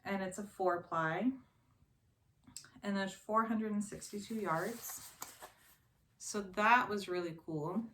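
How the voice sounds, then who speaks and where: A woman's voice: medium pitch, slow pace, pauses often, fairly bright tone. Chatty woman knitting vlogger, echoey room. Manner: chatty and rambling, with many fillers and self-corrections. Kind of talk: casual show-and-tell chat. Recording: echoey room with faint noise.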